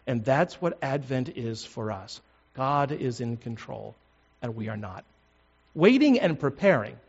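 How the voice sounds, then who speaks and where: An older man, a pastor, preaching a sermon in a measured, deliberate way, stressing words one by one. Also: fairly high pitch, lo-fi sound.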